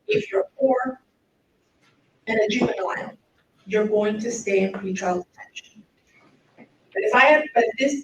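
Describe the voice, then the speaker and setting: At a podium, a public defender, a middle-aged woman from Mexico, delivers a speech in English and then answers audience questions. Her slightly high voice is earnest and persuasive. The recording is distant and echoey, with faint room noise.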